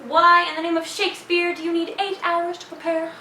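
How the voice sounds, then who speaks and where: A woman's voice: very high voice, flat delivery, fairly quick, pushed and bright, a little hiss or hum. An actress playing a haughty, prim young woman who speaks in stiff, formal phrases and turns indignant easily. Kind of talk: comedy web series acting.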